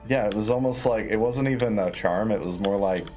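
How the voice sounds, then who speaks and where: A man with a low voice narrates a tabletop fantasy game as its game master. He talks casually and informally, swearing freely, with faint music behind him. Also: a little fast.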